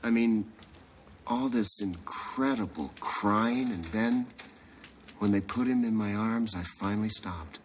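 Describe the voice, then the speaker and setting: A man's voice: lowish voice, slow pace, a little hiss or hum. A man playing a teasing single father in a 1990s sitcom, with dry, sarcastic wit. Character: wry, teasing middle-aged single dad.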